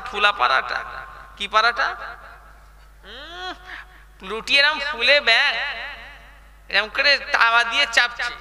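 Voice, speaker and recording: A man's voice: very high-pitched, bright, forceful tone, big-room sound. A man preaching a waz sermon, chatty and quizzing the crowd with questions.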